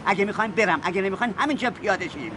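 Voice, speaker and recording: A boastful, brash cab driver in a dubbed film, talking loudly and haggling fast. His voice sits fairly high. Street noise and traffic hum under the dialogue. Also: lively intonation. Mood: indignant. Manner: loud, brash, bargaining. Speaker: taxi driver. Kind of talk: Persian film dub.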